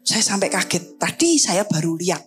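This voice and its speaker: A woman's voice: lowish voice, big pitch swings, moderate pace. A woman from Indonesia preaching a sermon, telling a personal story and acting out the dialogue in it. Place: church.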